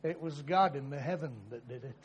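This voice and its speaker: A man preaching a sermon in short phrases, pausing after each one for an interpreter. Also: a little high. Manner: emphatic, pauses for the interpreter.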